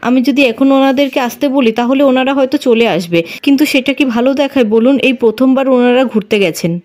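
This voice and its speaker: A woman's voice: sits high, a little fast, a little mellow, natural voice. A woman voicing an evasive young man who pleads and makes excuses about his past. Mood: pleading.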